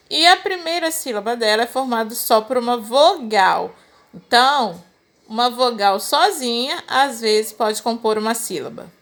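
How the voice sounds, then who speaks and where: A woman's voice: a little high, a bit bright. A Brazilian woman teacher explaining a lesson to children patiently, step by step. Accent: Brazilian Portuguese. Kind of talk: recorded remote lesson for children.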